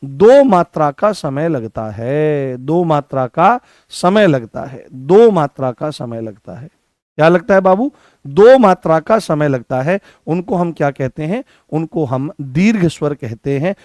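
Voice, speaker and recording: A male teacher coaching students for an exam. He repeats key points, quizzes the class with questions and stretches vowel sounds out slowly to show them. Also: a little high, animated, darkish tone, dry recording, clean studio sound. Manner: addresses students affectionately as "babu".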